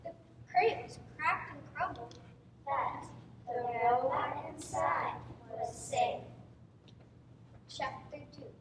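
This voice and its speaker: A woman giving an expressive live reading of a story on a stage, trading lines with a partner. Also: sits high, slow, long pauses. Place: stage in a hall. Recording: echoey hall from far off, noisy.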